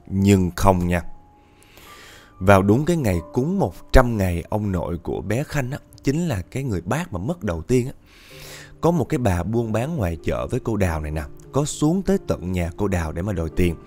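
Lively Southern Vietnamese male storyteller. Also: on the low side, moderate pace, faint music behind. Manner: animated, addresses listeners directly. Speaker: podcast storyteller. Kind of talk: ghost story narration.

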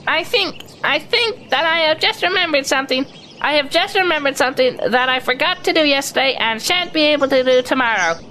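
Woman voicing Piglet, a high, anxious little pig. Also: lively intonation, fairly quick, bright, forceful tone, slight background noise. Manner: hesitant, stammering, making nervous excuses. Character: timid small young male piglet, anxious and excitable. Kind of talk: children's storybook audio drama.

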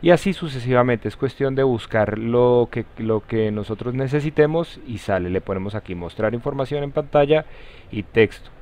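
A man with a Colombian accent hosting a step-by-step software tutorial in an informal way, using friendly diminutives. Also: mid-range voice, moderate pace. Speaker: tutorial host. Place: voice-over for a screen recording. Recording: slightly dull, lo-fi sound.

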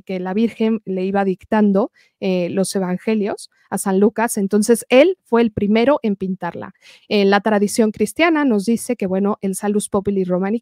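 Woman, Mexican accent, higher voice, explanatory talk, lots of fillers. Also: a little mellow, no echo, clean studio sound. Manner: explains at length with many "eh" and "este" fillers. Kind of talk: explanatory talk on a live stream.

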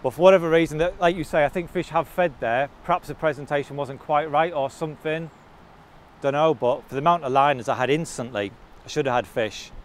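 A man's voice: fairly high pitch, a little fast. A British man in his thirties in casual banter as an angler out on a lake bank. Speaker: angler in a fishing challenge. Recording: clear outdoor ambient noise. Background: outdoor ambience.

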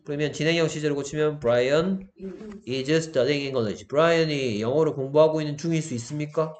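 A man speaking at a normal speed, his voice a little high, gives an explanatory English grammar lesson. He goes step by step and often checks comprehension with questions to students.

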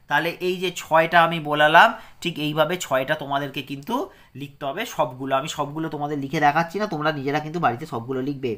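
A man with a West Bengal accent leads a reading lesson for small children. His voice is bright and sits a little high. He spells words out slowly, one syllable at a time. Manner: slow syllable-by-syllable spelling aloud. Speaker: primary school teacher.

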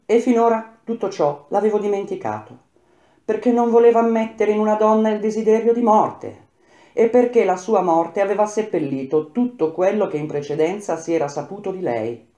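A woman reading a novel aloud in a measured, grave manner with slow pauses. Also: mid-range voice, mellow, muffled recording. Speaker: reader. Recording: roomy echo.

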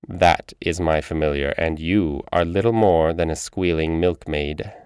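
A man's voice: rumbling low, fairly even intonation, a little slow, a little mellow, smooth, no echo, studio quality. A man reading a cold, curt witch. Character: aloof ageless female witch, cold and curt.

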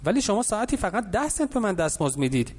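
A man's voice: high-pitched, big pitch swings, pitched above the performer's own voice. A man voicing a young boy who is angry but curious in an audiobook. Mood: defiant.

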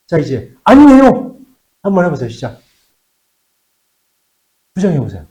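A man teaching a math class, posing questions to students and answering them himself, stretching key phrases out slowly. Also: on the high side, big pitch swings, darkish tone, reverberant, muffled recording.

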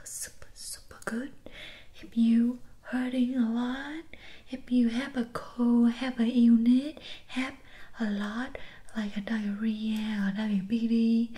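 A young woman playing a pushy shopkeeper in an ASMR role-play, soft-spoken and breathy with a Vietnamese accent and clipped broken-English sales patter. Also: on the high side. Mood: insistent, soft. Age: young adult. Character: pushy, persuasive female Vietnamese shopkeeper selling sleep remedies. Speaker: ASMR performer.

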